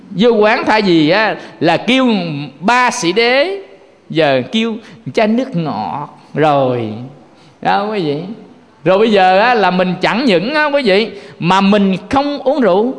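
High-voiced monk preaching in a hall. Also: male voice. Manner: conversational, keeps addressing listeners directly. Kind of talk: folksy sermon. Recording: long hall reverb.

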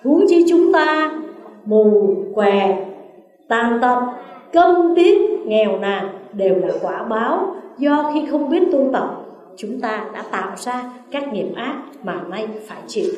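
A woman's voice: on the high side, slow pace, muffled recording. A woman with a Southern Vietnamese accent giving a Buddhist dharma talk as a nun, telling stories and asking her listeners questions. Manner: storytelling, asks listeners questions, lively shifts. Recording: roomy, distant mic.

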